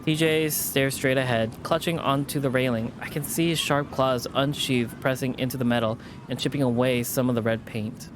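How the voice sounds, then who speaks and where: A man's voice: medium pitch, steady tone, moderate pace, few pauses, background noise. A man reading a visual novel aloud with chatty asides, sometimes stumbling and rereading a line. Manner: stumbles over words and rereads lines.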